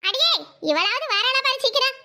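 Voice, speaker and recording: A woman's voice: very high voice, lively intonation, a little fast, bright, forceful tone, heavily acted. A woman voicing an older cartoon mother-in-law, soothing and scolding by turns.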